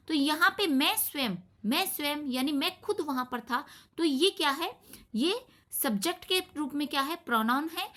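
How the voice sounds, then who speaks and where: A woman teaching an English grammar lesson, reading example sentences slowly and then explaining them step by step. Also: sits high, sharp tone.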